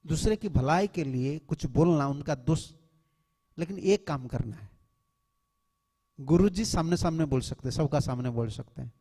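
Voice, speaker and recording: Addressing devotees with earnest admonishment, a swami lectures in a temple hall, slipping English words into his talk. Long reverb fills the recording, and his voice is on the high side with a darkish tone.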